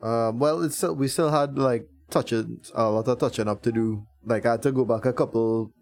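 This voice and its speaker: A man in his thirties, a band member chatting as a guest in a relaxed, chuckling way. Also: medium pitch, moderate pace. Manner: laid-back, chuckling, lots of fillers. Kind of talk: casual interview chat.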